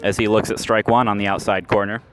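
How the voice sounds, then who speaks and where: Outdoors at a ballpark, a man calls a minor league baseball game as radio play-by-play announcer, steady and measured until his lowish voice rises sharply on the big plays. Background noise can be heard.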